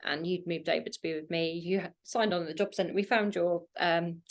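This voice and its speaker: This podcast host, a woman in her thirties, keeps the conversation casual and chatty, laughing as she feeds her guest questions. She talks fairly quickly, her voice on the low side with little pitch movement.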